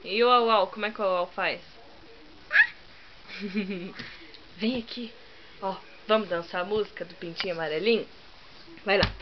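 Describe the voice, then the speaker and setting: A woman's voice: medium pitch, moderate pace, pauses often. A mother coaxing her toddler at home in sing-song baby talk. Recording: dull lo-fi home recording with hiss.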